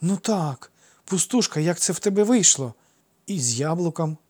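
A man's voice: animated, moderate pace, dark tone, husky. A man reading aloud and voicing quarrelsome young twin boys in a raised, childish voice with a heated manner. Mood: mocking. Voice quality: high, childish. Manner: heated and indignant. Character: cheeky quarrelsome young boy twins.

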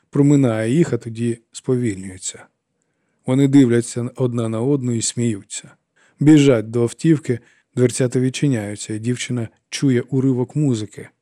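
A man narrates a novel aloud with a steady, measured delivery. His tone is mellow and dark, and the recording is close and dry with no room sound. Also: mid-range voice, dry recording. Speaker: audiobook narrator. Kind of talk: scripted narration.

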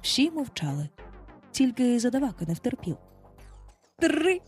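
A woman narrating a children's adventure story in a dramatic, expressive manner. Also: a little high, normal speed, music in the background.

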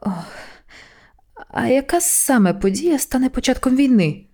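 A woman's voice: sits high, sing-song, unhurried, mellow, voice pushed up, heavily acted. A woman doing a fussy, flustered male angel. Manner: flustered, hesitant, rising into panic. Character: fussy anxious male angel, prim bookseller.

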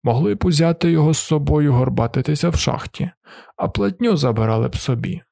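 A man's voice: fairly high pitch, animated, fast talker, vocal fry, mellow, no room sound, studio quality, pitched above the performer's own voice. A man voicing a boastful, crude male drifter who orders his servant around with mocking bravado, in an audiobook. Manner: brash, mocking and commanding.

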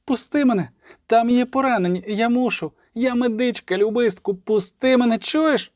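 A man voicing a frightened young woman medic pleading in shrill cries in an audiobook. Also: moderate pace, darkish tone, dry recording, studio quality. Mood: desperate.

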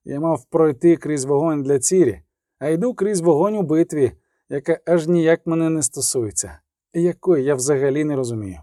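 A man voicing a weary, curt witcher swordsman who speaks tersely in a low, subdued voice. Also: moderate pace, warm tone, no room sound, studio quality, close to an everyday voice. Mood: bitter.

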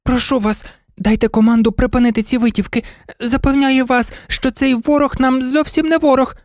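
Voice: high-pitched, steady tone, moderate pace, no echo, studio quality, pitched above the performer's own voice, natural voice. A narrator voicing a small, clever rag toy dog who pleads earnestly in a storybook. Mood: pleading. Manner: earnest, imploring.

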